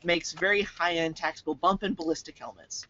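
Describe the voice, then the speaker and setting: A man's voice: fairly high pitch, fairly even intonation, fairly quick, sharp tone. A man co-hosting a casual podcast chat, joking and laughing often. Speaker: podcast co-host. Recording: dull lo-fi podcast audio with hiss.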